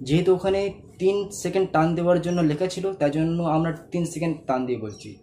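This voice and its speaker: A man, teaching a pronunciation lesson and patiently repeating each sound slowly for learners to copy. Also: a little high, mellow, a little hiss or hum. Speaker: Quran reading teacher.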